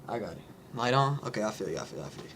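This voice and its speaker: A man's voice: on the low side, animated, racing, fairly bright tone, a little hiss or hum. A young man rehearsing a vlog script aloud at home. He is slightly out of breath, thinks aloud and restarts his lines. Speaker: content creator.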